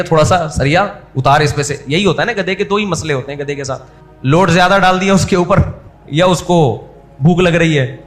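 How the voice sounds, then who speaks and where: Male preacher, conversational and witty, voice on the higher side. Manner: humorous, mixes in everyday English words; acts out scolding voices to make a point. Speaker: Islamic preacher. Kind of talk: conversational sermon.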